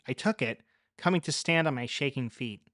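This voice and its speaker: A man narrating a story in the first person with a measured, even read. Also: mid-range voice, dry recording, clean studio sound.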